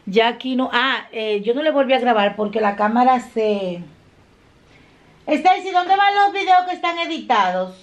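A woman's voice: a little high, lively intonation, moderate pace, lo-fi sound. A woman vlogger chatting casually to her viewers from inside a car, laughing often, recorded on a phone. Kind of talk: casual chat to camera. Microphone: phone camera.

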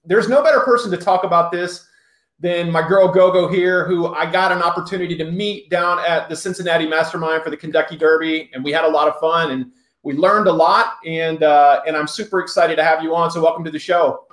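A man's voice: fairly high pitch, fairly even intonation, a little fast, fairly bright tone, reverberant. A man hosting a casual interview, upbeat and often checking in with his listeners. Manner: upbeat, leading with "right?" checks. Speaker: show host.

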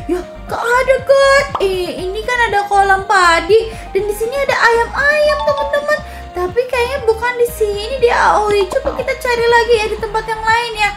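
An excitable woman narrating her game to viewers in casual commentary. Her voice sits very high, and clear music plays behind her throughout. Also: normal speed. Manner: excitable, chatty, addresses viewers. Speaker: gaming channel host. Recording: game video with background music.

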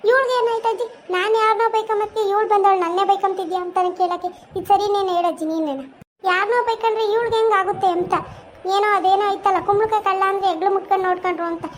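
A performer voicing a quarrelsome village housewife who complains indignantly in a cartoon. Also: female voice, very high voice, fairly even intonation, racing, a little hiss or hum. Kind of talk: cartoon voice acting.

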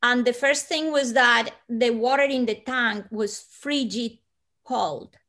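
Sitting in her living room at home, a woman from Colombia in her forties recounts something from her own life as a guest on a video-call interview. She has a Colombian Spanish accent and a voice on the high side, and she speaks slowly and quietly, dipping into soft breathiness before lifting suddenly.

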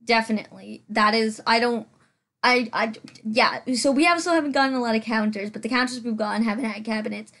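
A woman with a slightly high voice talks through her build in a loose, rambling voice-over. She is chatty and self-deprecating and full of fillers. She sounds a little out of breath and sits a bit back from her microphone at home. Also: a little fast, fairly bright tone. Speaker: Sims building channel host. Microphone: farther from the mic than usual.

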